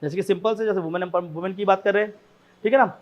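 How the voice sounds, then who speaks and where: Male essay tutor, high-pitched voice, chatty classroom lecture style, keeps checking that students follow, repeats key points, asks rhetorical questions. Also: fairly even intonation, very fast, highs cut off. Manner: conversational, frequent "ठीक है ना" check-ins. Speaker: essay writing teacher.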